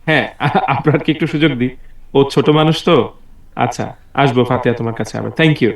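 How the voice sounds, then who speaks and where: A man's voice: medium pitch, fairly even intonation, moderate pace, gravelly. Patient man teaching over a roomy call. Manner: patient, encouraging, drills words aloud. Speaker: English teacher. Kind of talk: online class teaching. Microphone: video call. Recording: roomy, distant video call audio.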